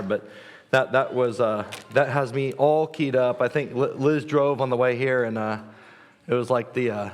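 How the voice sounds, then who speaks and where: A man's voice: mid-range voice, slight background noise. A man preaching a sermon in a loose, chatty way, keyed up and joking, with filler words and restarts. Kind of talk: casual conversational sermon. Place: church sanctuary. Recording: long hall reverb in a church.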